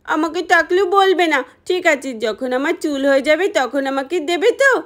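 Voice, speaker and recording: A woman's voice: high voice, lively intonation, normal speed, a bit bright. A woman voicing an eager small boy in a doll story, wheedling for a favor.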